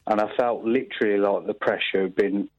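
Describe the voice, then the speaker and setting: A man in his thirties phones in to a call-in show for a casual chat, hesitant and full of ums and restarts. His voice is fairly low with fairly even intonation and a slightly fast pace, and it comes through with a dull phone-line sound.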